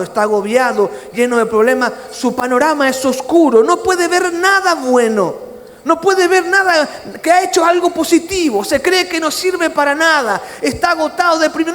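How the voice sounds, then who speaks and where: A pastor preaching a sermon, swinging from impassioned near-shouting to low, quiet prayer. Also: male voice, slight background noise. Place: church. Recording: reverberant church hall with faint ambience.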